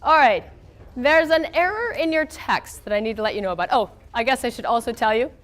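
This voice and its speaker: Woman, American accent, higher-pitched, weak cold-affected voice, conversational classroom lecturing, frequent check-ins. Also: animated, brisk, fairly bright tone. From southern United States. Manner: conversational, checks in with okay and all right. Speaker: physics lecturer.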